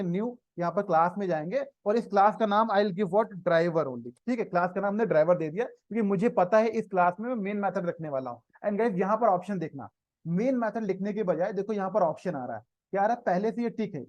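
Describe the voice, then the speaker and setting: A man's voice: sits high, brisk, darkish tone, dry recording. A man with an Indian accent teaching a live programming class, mixing Hindi and English and checking in with students. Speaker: programming instructor. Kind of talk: live coding lesson. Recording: dry, slightly dull online class audio.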